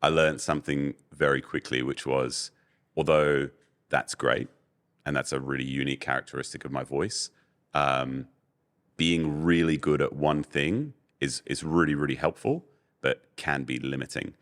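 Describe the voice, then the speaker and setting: A young adult man with a very deep voice, telling candid stories in a casual podcast interview as a guest. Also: moderate pace. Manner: relaxed, candid storytelling with many fillers. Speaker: guest, voice-over artist and agency owner.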